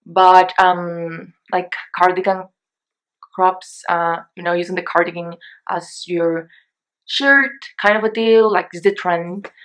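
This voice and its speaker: A young Mexican beauty vlogger goes over her shopping haul in English, her second language after Spanish, with her Mexican accent clearly audible. Her voice is a little low for a woman and a bit bright. She rambles casually, often pausing for fillers and restarting sentences.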